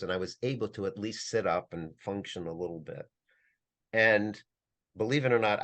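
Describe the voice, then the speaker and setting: A man's voice: fairly low pitch, fairly bright tone. A man as a podcast guest, telling a personal story in an earnest, emphatic way with frequent restarts.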